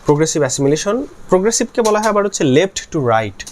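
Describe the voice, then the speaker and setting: Male tutor, slightly high, animated delivery, repeats words to demonstrate sounds. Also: racing, a little hiss or hum. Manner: repeats words aloud to model sounds, asks and answers own questions. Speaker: linguistics tutor. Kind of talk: explanatory lecture.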